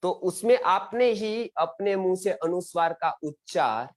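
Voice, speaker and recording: A man's voice: sits high, unhurried. A man teaching a Sanskrit class online, earnest and exhortative, often repeating questions to his students. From India.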